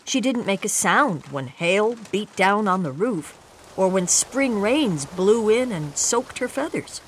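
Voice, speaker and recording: A woman reading a children's picture book aloud in an expressive way, acting out the quoted lines. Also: medium pitch, takes it slowly, a little hiss or hum. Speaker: storybook reader.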